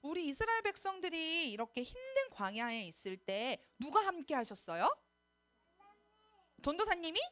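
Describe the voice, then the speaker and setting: A woman, a children's pastor, telling a Bible story in a sermon for little children, animated and asking them questions. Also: very high-pitched, moderate pace. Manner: animated, sing-song, asks the children questions.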